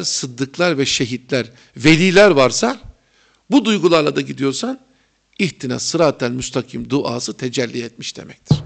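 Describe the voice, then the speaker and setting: A man's voice: on the high side, vocal fry. A middle-aged man preaching a religious lecture, chatting with humor to his audience and building to fervent emphasis.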